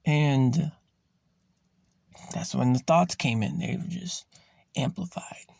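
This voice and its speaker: A man's voice: medium pitch, vocal fry, a little mellow, no echo. A man hosting a podcast, talking through a personal story in a raw, emphatic way, swearing freely and drawing words out for emphasis. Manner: slows and stretches words for emphasis. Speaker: podcast host. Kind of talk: candid personal monologue.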